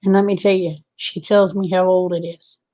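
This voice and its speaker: A woman's voice: on the low side, little pitch movement, warm tone. An American woman chatting casually and a little unfocused from lack of sleep, in a folksy, homey way with endearments, as if to livestream viewers. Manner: sleep-deprived, unfocused, slow to follow. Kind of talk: casual rambling chat.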